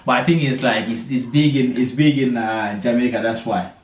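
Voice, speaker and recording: A man chatting casually as he reacts to a video, animated and repeating phrases for emphasis. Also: medium pitch, normal speed. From Africa. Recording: roomy, distant mic, clearly noisy.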